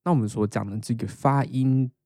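A man's voice: medium pitch, fairly quick, dark tone, dry recording. A young man with a Taiwanese Mandarin accent who hosts a podcast, casually and patiently explaining how he learns English. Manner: explains patiently, then reads English lines aloud as a shadowing drill. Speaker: podcast host.

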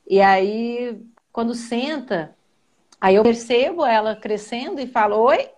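A woman's voice: on the high side, measured pace, a little mellow. A woman talking reflectively in a casual conversation, tagging her sentences with short questions. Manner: reflective, fills with frequent "né".

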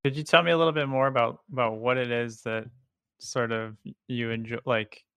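A man's voice: mid-range voice, a little fast, creaky, clear, resonant tone, no echo. A man hosting a podcast, reading a scripted intro and then chatting casually with fillers while interviewing a guest. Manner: casual, relaxed with filler words. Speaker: podcast host. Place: home.

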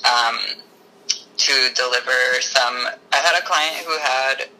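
A man's voice: mid-range voice, steady tone, slow, sharp tone. A man calling in on speakerphone to a podcast, chatting casually and rambling with frequent laughs. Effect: on speakerphone over a phone call. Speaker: podcast co-host. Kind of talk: casual chat.

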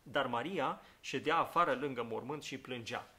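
A pastor leading a Bible study, reading scripture aloud and explaining it in a thinking-aloud way with many fillers and "right?" check-ins. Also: male voice, medium pitch, pushed and bright.

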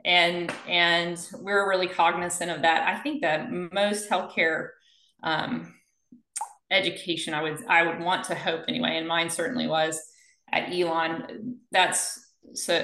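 Bright-voiced woman physical therapist, echoey room. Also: fairly low pitch, vocal fry. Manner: energetic storyteller, acts out quoted dialogue. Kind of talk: conversational interview.

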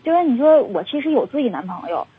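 A woman's voice: a little high, very animated, quick pace, husky, no room sound. A young woman in her twenties with a Northeastern Mandarin accent, calling in over the phone and rambling through her story with many fillers. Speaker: caller. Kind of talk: phone-in confession. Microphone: telephone. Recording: tinny dry phone line.

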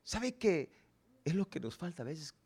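A man's voice: on the high side, sing-song, unhurried, darkish tone, slightly rough. A man preaching a sermon, telling the story dramatically and asking the congregation questions. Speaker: pastor.

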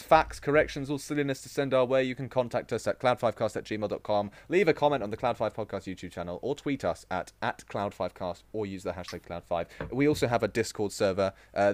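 A man's voice: lowish voice, no echo. A man hosting a casual podcast, chatty and jokey, often laughing and restarting his sentences. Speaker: podcast host.

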